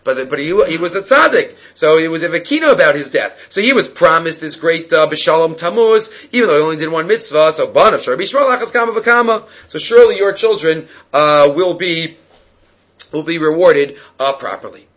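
A high-voiced man leads an informal religious lesson in an inflection. He moves between Hebrew source text and explanation, often repeating short phrases to drive a point in. The recording is a little dull and lo-fi. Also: animated, fairly quick, fairly bright tone. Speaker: Talmud teacher.

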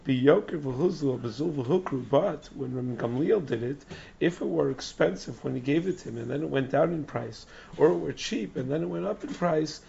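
Hoarse guy teaching talmud, voice almost gone, super raspy and croaky, kinda muffled lo-fi audio. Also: on the high side, normal speed, warm tone, slight background noise. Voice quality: raspy, strained, breathy croak. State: hoarse, lost voice. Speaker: religious teacher giving a daily Talmud class. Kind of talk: Talmud lesson, reading and explaining text. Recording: dull, muffled lo-fi recording.

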